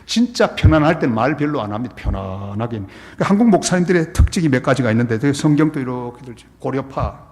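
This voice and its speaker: A middle-aged male pastor preaching a revival sermon in a church sanctuary. His pitch swings widely as he tells stories and acts out the people in them, and a long hall reverb trails each phrase. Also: fast, hardly any pauses. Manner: animated, acts out scenes and quotes.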